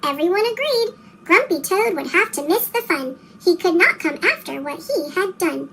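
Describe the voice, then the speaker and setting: With a chipmunk-style pitched-up effect layered over a gravelly voice, a storyteller reads a scripted children's book aloud slowly for little kids. The performance is animated and expressive, set against a noisy background.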